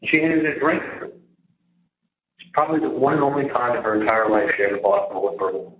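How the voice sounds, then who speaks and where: On a muffled, noisy, echoey jail phone line, a man with a medium-pitched, flat voice carries on a long, rambling private conversation at moderate pace. He's casual yet emphatic, repeating points and often trailing off partway through sentences. He's speaking into a telephone handset.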